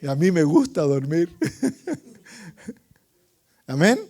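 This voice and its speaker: A man preaching an evangelistic sermon as pastor, dramatic and swinging from loud calls to hushed asides, asking the congregation questions and calling for amens. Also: on the high side, very animated, drawn-out words.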